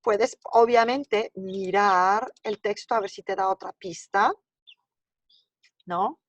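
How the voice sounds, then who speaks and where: A woman's voice: mid-range voice, takes it slowly, dry recording, muffled recording. Woman teacher, native speaker, homework walkthrough at the computer, thinks aloud with constant check-ins, dry room. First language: Spanish. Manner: talks students through steps, thinking aloud with rhetorical checks. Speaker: Spanish teacher. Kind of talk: recorded homework walkthrough lesson.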